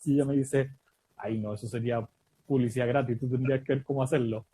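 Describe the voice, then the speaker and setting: A man from Chile with a Chilean accent, telling a lively story about a quiz show win, often laughing and acting out the dialogue. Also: mid-range voice, quick pace, husky, dry recording, low-quality recording. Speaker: guest storyteller. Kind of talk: casual anecdote telling.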